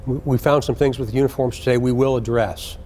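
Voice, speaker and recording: A man, a senior police official, gives an earnest, deliberate address to recruits, repeating key phrases for emphasis. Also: medium pitch, fairly even intonation, a little mellow, slight background noise.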